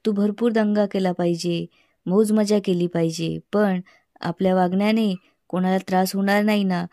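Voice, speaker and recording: A woman voicing a calm elderly male village saint who guides people in a measured, instructive way. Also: mid-range voice, dry recording, clean studio sound, lightly acted.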